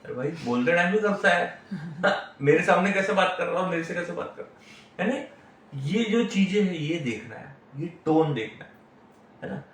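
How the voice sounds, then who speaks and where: A man's voice: high-pitched, animated, moderate pace, fairly bright tone. Middle-aged male homeopathic doctor, explanatory lecture with tag questions, picked up from a distance. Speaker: homeopathic doctor teaching case taking. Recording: very echoey room, mic far off.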